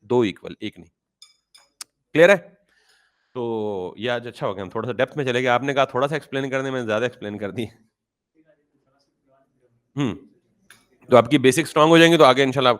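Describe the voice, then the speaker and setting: A man's voice: medium pitch, brisk, pauses often, fairly bright tone. A man teaching a beginner coding class. He explains with everyday examples, mixes in English terms, and keeps asking his students questions and answering them himself. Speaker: programming teacher. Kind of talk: classroom-style coding lesson.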